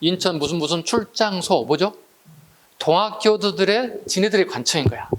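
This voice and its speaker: A man's voice: a little high, lively intonation, fast. Chatty male history lecturer. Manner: chatty, rhetorical questions to students. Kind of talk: exam-prep lecture.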